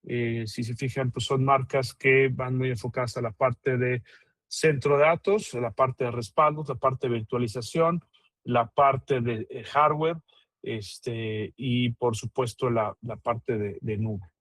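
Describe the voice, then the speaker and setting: Halting man presenting dryly. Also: medium pitch, steady tone, a bit bright, no echo. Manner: halting, many fillers and repeated words. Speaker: IT consultant presenting his company. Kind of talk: webinar presentation.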